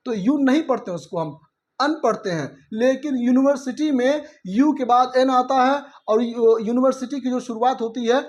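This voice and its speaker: A man with an Indian accent teaching English letter sounds, repeating each point slowly as he explains. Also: extremely high pitch, muffled recording. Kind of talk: spoken alphabet pronunciation lesson.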